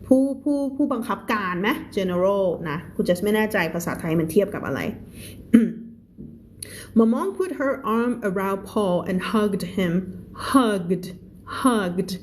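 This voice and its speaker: Woman, English teacher, live-stream lesson, unhurried reading, medium pitch, faint background hum. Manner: reads English slowly, explains in quick chatty Thai.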